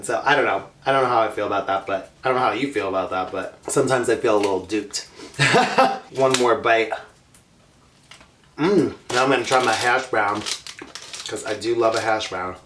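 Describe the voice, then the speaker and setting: A man's voice: medium pitch, a bit bright. A man in his twenties hosting a casual eating vlog, chatty and playful, sometimes talking with his mouth full. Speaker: vlog host. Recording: roomy echo.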